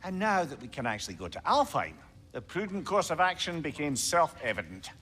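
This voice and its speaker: Fantasy game sage: old, learned, kindly, lively intonation, formal phrasing, long reverb. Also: male voice, fairly high pitch, fairly quick, breathy edge, soft background music, full character voice. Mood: knowing. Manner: wordy, formal, erudite. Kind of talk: video game drama acting.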